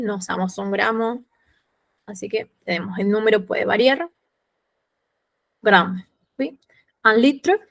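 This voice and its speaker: A woman speaks in a medium-pitched voice with vocal fry as she leads a patient online French lesson. Each French word gets repeated slowly, followed by what it means in Spanish.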